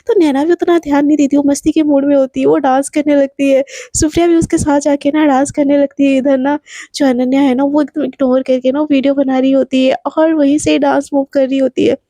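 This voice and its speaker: Young woman storyteller, casual chatty retelling, high dry voice. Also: level tone, brisk, warm tone, dry recording. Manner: chatty, filler-heavy retelling.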